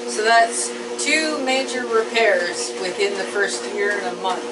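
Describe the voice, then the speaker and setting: A middle-aged woman walking viewers through her washer and dryer at home, unhurried and plainspoken with frequent ums. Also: medium pitch, expressive. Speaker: home appliance reviewer. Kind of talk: casual product walkthrough. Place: home laundry room. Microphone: camera across the room. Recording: distant camera mic with loud hum.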